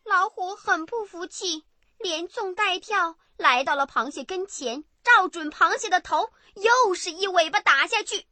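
A woman narrating a bedtime story for children in an expressive, animated way. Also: very high voice, measured pace, no room sound.

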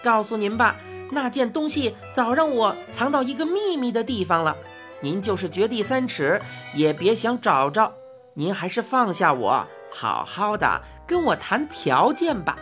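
Shrill tiny boss, voiced by a woman, sly and stammering, haggling, storybook figure, lively pitch, soft music under it. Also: unhurried. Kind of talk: storybook reading.

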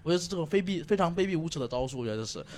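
A man's voice: fairly high pitch, rapid-fire, crowd noise. A man co-hosting a casual comedy chat, telling stories and acting out the quotes with lots of laughter. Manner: animated storyteller, acts out quotes, laughs often. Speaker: comedian co-host.

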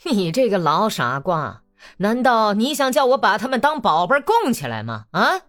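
A woman voicing an angry, hot-tempered young male Cossack who sneers and shouts threats. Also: medium pitch, huge pitch swings, moderate pace, soft background music, voice pushed up. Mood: furious.

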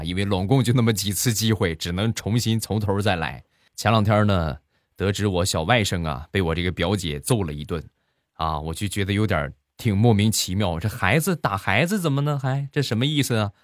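A man, a podcast host telling comedic stories in a chatty, animated way. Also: deep voice, no room sound, studio quality. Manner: chatty, animated, laughs at his own jokes. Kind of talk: comedic storytelling monologue.

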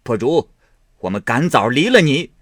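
A furious old grandmother, stern and sneering, her voice climbing high and loud as she scolds her grown son, as a male storyteller puts her on. The delivery is dry and close, with lively swings in pitch. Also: normal speed, no echo. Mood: angry scolding.

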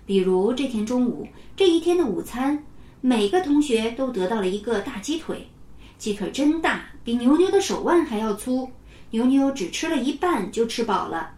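High-voiced woman reading a children's story. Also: normal speed, recorded from a distance. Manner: lively, expressive reading. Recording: roomy, from off the mic.

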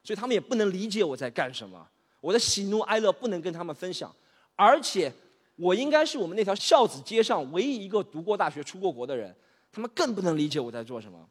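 A man in his thirties from Shanghai doing a stand-up set, animated and exasperated as he tells stories on stage. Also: high-pitched, fast, husky. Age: 30s. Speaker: stand-up comedian. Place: comedy stage. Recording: reverberant hall.

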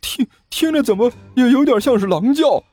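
A man voicing a timid young male thug who stammers and wheedles, the nervous sidekick in a told story, pitched well above his own voice. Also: huge pitch swings, moderate pace, darkish tone, slightly rough, dry recording, heavily acted. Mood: frightened.

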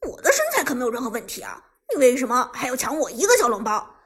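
A woman's voice: on the high side, very animated, slightly rough. A woman voicing an aggrieved young woman. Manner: aggrieved, rapid complaining. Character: indignant young woman, complaining.

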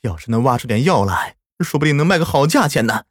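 A man voicing a desperate, villainous grown man who wails and shouts. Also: medium pitch, animated, fast talker, slightly rough, dry recording, clean studio sound, voice pushed up. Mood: despairing. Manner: wailing, breaking into a shout.

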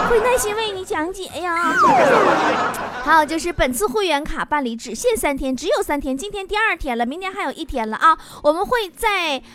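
A woman's voice: extremely high pitch, very noisy. A woman hosting a playful show, teasing listeners' messages and laughing often between lines. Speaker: radio-style host reading listener messages. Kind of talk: playful casual chat. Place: alone in a room recording. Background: background music.

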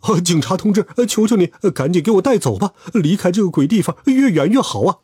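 A man voicing a cowardly, panicky male gang boss who shrieks and begs in a husky voice. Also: sits high, very animated, a little fast, darkish tone, dry recording, soft background music, pitched above the performer's own voice, full character voice. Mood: begging. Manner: shrieking, pleading.

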